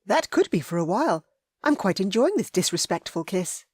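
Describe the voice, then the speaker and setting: A woman voicing an earnest, lovestruck young noble lady in a romance audiobook, eager and breathy. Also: medium pitch, big pitch swings, moderate pace, a little mellow, dry recording, studio quality, pitched above the performer's own voice.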